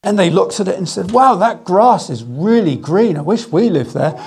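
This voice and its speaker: Gravelly man preaching a sermon. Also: high voice, animated. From England. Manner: storytelling with gentle humour, slow emphatic phrases. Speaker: guest speaker.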